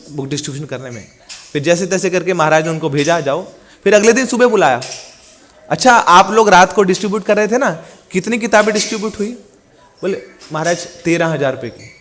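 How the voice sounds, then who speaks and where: A man's voice: sits high, a little hiss or hum. A man telling a story in a sermon, acting out the quoted dialogue. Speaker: preacher.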